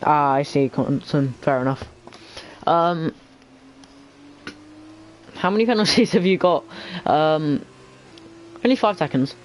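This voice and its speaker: A man with a fairly high voice leads casual commentary on a racing league. He calls the action in short, sometimes halting phrases, thinking aloud, over faint background noise. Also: rough recording. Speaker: lead commentator.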